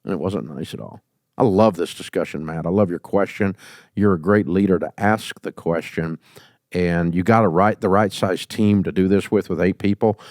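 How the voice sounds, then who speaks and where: A middle-aged man hosting an advice show, talking emphatically and folksily and jumping into loud acted quotes. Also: low voice, no echo, clean studio sound. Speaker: host giving leadership advice. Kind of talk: call-in advice talk.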